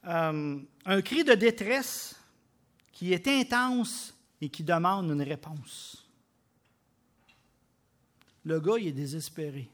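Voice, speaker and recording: A man with a Québécois French accent preaching a sermon, emphatic, with loud bursts and quiet drops. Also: on the high side, expressive, takes it slowly, pauses often. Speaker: pastor.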